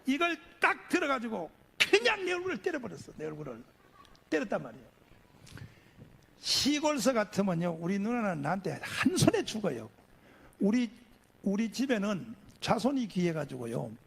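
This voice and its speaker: A middle-aged male pastor delivers a testimony sermon in a gravelly, husky voice. He sits high in his register and swings his pitch widely. He acts out the people in his stories as he goes. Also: normal speed. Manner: animated storyteller acting out voices.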